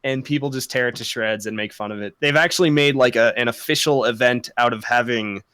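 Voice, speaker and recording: A man's voice: medium pitch, fairly quick, fairly bright tone, clean tone, no room sound. A young man co-hosting a podcast, chatting casually, rambling, swearing a lot and laughing often. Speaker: podcast co-host. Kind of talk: casual chat.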